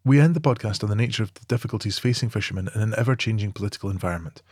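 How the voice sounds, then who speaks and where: A man hosting a podcast, reading his introduction in an earnest, clear way. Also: lowish voice, rapid-fire, darkish tone, no echo, clean studio sound. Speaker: podcast host.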